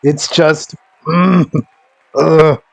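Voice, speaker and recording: Sardonic, higher-voiced man streaming a game. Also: fairly even intonation, very slow, creaky, no echo. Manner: sardonic, exasperated, swears freely. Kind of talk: casual commentary over gameplay.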